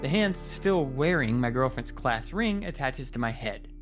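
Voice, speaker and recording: Guy reading a scary story in first person, dramatic pauses, medium pitch, music behind him. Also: lively intonation. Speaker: horror story narrator.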